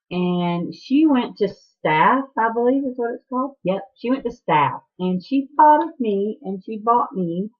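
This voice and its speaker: Southern gal from georgia rambling on her podcast at home, slow and chatty, tinny phone-ish audio. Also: low-pitched. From Atlanta, Georgia. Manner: chatty and rambling, laughs often. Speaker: podcast host. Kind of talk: casual video podcast chat.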